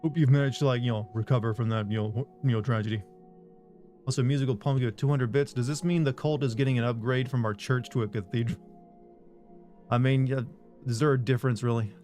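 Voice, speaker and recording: Fast but steady in tone, this man's mid-range voice has a darkish color. He's an ordinary game streamer reading viewer messages in a relaxed live-stream chat, rambling and making self-deprecating jokes, with music faintly audible behind him.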